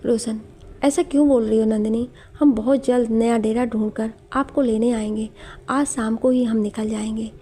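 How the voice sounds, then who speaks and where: Roshan, a gentle young husband, read by a woman. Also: a little high, steady tone, moderate pace, breathy edge. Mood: pleading.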